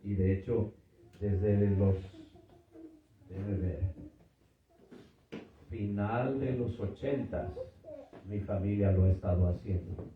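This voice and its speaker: A man's voice: fairly low pitch, steady tone, takes it slowly, pauses often, a little hiss or hum. A middle-aged man teaching a church seminar, patiently repeating words and checking in with his listeners. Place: church hall with audience. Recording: echoey hall from far off, dull.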